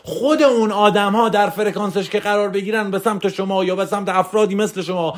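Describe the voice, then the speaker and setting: High-voiced man giving emphatic coaching. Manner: emphatic, repetitive, preachy. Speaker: motivational coach. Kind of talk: motivational voice message.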